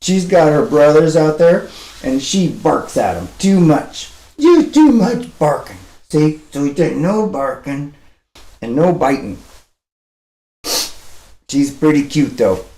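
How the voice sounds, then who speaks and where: Man, live stream, dark soft voice, rambling, fillers, sniffly, roomy echo. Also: fairly high pitch, animated, takes it slowly, long pauses. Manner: coos and baby-talks to a puppy. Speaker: dog rescuer live-streaming. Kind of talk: casual live stream talk.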